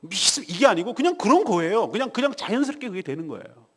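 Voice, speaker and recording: A male pastor delivers a morning sermon in a confessional, storytelling way. His voice is a little high and swings widely, from hushed murmurs to loud outbursts. The church hall adds a long, ringing reverb. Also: sing-song, quick pace, background noise. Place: church sanctuary.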